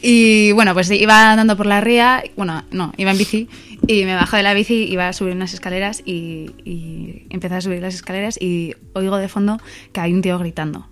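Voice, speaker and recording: A woman in a casual discussion, telling an anecdote in an animated way. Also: mid-range voice, brisk, few pauses. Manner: animated storytelling, acts out quoted voices. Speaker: radio show participant.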